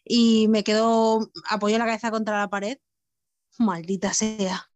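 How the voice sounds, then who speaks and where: A woman's voice: a little high, level tone, unhurried, darkish tone. A woman from playing a tabletop role-playing game, weary and swearing in character. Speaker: player.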